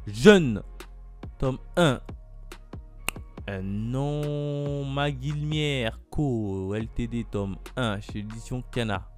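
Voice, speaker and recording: A man's voice: mid-range voice, animated, very slow, pauses often, darkish tone, soft background music. Chatty man reviewing manga releases. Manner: chatty, thinks aloud, frequent fillers, reads titles off a list. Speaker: manga YouTuber. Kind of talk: casual spoken review of upcoming releases.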